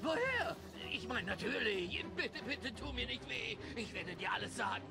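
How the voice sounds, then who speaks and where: A man's voice: very high voice, big pitch swings, normal speed, vocal fry, music in the background, heavily acted. An actor playing a gritty, aggressive but cowardly street thug henchman in a video game. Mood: panicked pleading.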